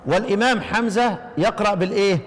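Egyptian male recitation teacher, high pitched, chants verses and quizzes students, reverberant hall. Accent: Egyptian Arabic. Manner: quizzing listeners with repeated questions, chanting verse slowly. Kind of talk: explaining a recitation poem to students.

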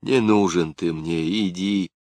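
Weary young woman, as a male narrator reads her, quiet, flat, dry mic. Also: sits low, slow, no room sound. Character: worn-out tearful young woman.

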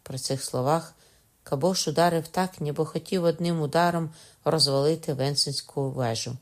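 A woman narrating a classic novel in a steady, even storytelling voice. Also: deep voice, moderate pace. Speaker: audiobook narrator. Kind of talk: scripted narration.

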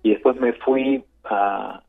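A man with a Buenos Aires accent, a chef guest telling his story over the phone in an unhurried, reflective way. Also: lowish voice, steady tone, vocal fry, breathy edge. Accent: Buenos Aires Spanish. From Argentina, Buenos Aires. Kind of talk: phone interview. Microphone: phone line. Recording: tinny phone line with faint music.

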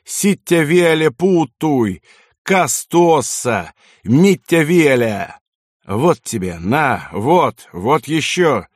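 A man doing a gruff, barking colonel. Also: medium pitch, lively intonation, moderate pace, no echo, studio quality. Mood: raging. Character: gruff hot-tempered male colonel.

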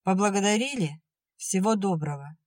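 A woman reading the part of a stern, sharp-tongued older sister who scolds and snaps. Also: medium pitch, animated, moderate pace, no room sound, clean studio sound, pitched above the performer's own voice, close to an everyday voice. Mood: curt. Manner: curt, scolding, irritable.

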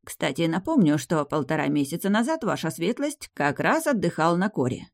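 A proper old-school butler, discreet and respectful, voiced by the audiobook narrator. He speaks formally and at a measured pace, a little slower and more restrained than the narrator's usual reading. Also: mid-range voice, big pitch swings. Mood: deferential.

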